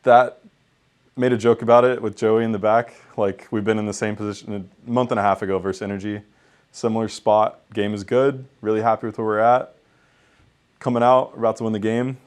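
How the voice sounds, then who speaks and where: A man's voice: on the low side, darkish tone. A young man, an esports head coach, talking candidly in a post-match interview, full of ums and likes.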